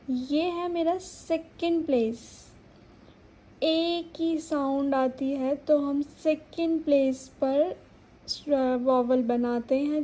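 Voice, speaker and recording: Slow, high-voiced woman teaching shorthand. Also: dark tone, low-quality recording. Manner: slow and patient, repeating words to sound out vowels. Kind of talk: explaining a stenography lesson.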